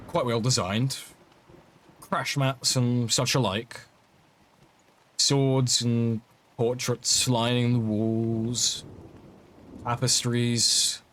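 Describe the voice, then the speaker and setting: A man narrates a tabletop game as dungeon master, in a mid-pitched voice. He talks slowly and casually, dropping offhand asides between descriptions. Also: fairly bright tone.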